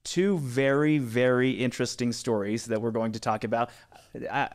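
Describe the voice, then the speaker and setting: In a small indoor studio with a brick wall, a man in his forties hosts a casual podcast interview through a boom-arm studio mic. His medium-pitched voice holds a fairly even intonation at normal speed, and he sounds upbeat and chatty, often saying "uh" and restarting.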